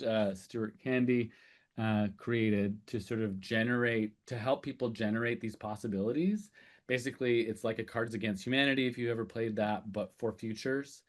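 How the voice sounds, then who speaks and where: Conversational man giving a talk. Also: mid-range voice. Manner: loose and conversational, with many "um"s and "uh"s. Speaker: speaker and sessional lecturer. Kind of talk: conference talk.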